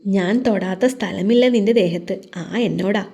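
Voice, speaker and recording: Woman reading a cheeky young husband, mellow and teasing, audio-story romance. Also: medium pitch, moderate pace, gravelly, natural voice. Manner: teasing, mischievous.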